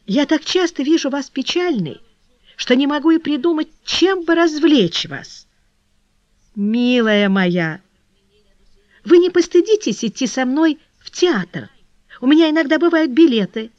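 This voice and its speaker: A woman reading an audiobook and voicing a warm, eager young flower girl who talks in excited, pleading exclamations. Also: high-pitched, unhurried, dry recording, voice pushed up. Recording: dull dry lo-fi recording.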